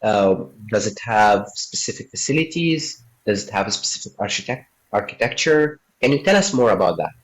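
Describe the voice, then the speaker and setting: A man hosting a podcast, reading a formal introduction and asking measured questions. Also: lowish voice, lively intonation, low-quality recording. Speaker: podcast host.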